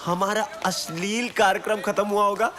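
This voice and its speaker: A man's voice: sits high, steady tone, normal speed, a bit bright, faint music behind. A young man playing a cheeky, whining student joker in casual comic film dialogue. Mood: mock innocent. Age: young adult.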